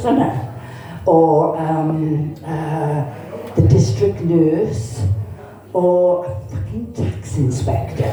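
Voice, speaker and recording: A woman in her sixties from Cardiff, Wales, performs a bawdy, chatty stand-up set on a comedy club stage, teasing the crowd in a Cardiff Welsh accent. Her voice is low-ish and mellow. The venue echoes, and the mic is heard from a distance.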